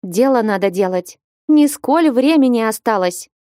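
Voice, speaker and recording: A woman's voice: fairly high pitch, expressive, measured pace, a little mellow, dry recording, studio quality, voice pushed up. A woman reading an audiobook voices a bold, bossy young village woman who scolds and commands sharply. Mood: scolding.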